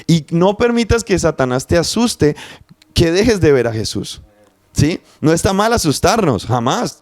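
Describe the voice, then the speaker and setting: Guy preaching with passion, kinda high voice, dry close sound, talks right to you. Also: dry recording. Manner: earnest, passionate, speaks directly to the listener. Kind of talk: sermon.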